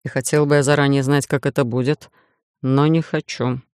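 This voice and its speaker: A woman voicing a bossy, jealous young man in a romance audiobook, gruff and grumbling. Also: very deep voice, flat delivery, moderate pace, a little mellow, no echo, studio quality.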